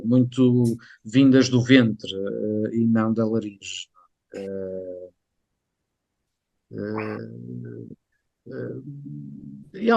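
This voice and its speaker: A man with a European Portuguese accent, a guest scholar in an interview, speaking hesitantly and filling pauses with drawn-out fillers. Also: medium pitch, dry recording. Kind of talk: interview conversation.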